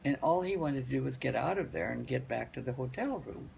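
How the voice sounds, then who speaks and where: An elderly woman, a grandmother, casually telling family stories in a halting, rambling way and repeating phrases for emphasis. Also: extremely low pitch, animated, gravelly, darkish tone, slight background noise. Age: older, grandmother.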